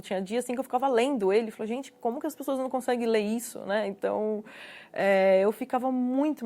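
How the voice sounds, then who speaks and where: This guest, a Brazilian woman with a Brazilian Portuguese accent, tells her own testimony earnestly, leaning on repeated words for emphasis. Her voice sits a little high and sounds a little mellow.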